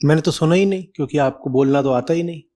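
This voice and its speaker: A man's voice: fairly high pitch, quick pace, mellow. A middle-aged man answering questions in a live hall session, blunt and teasing with rhetorical questions. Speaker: spiritual teacher answering questions. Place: large hall at a festival.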